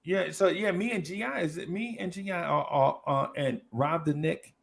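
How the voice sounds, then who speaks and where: Gravelly middle-aged man, emphatic chat. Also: fairly high pitch, normal speed. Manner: emphatic, teasing. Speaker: podcast panelist. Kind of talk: casual podcast chat.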